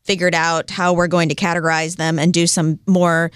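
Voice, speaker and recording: Smooth-voiced female health show co-host. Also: lowish voice, little pitch movement, moderate pace, no room sound, clean studio sound. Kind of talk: casual health talk.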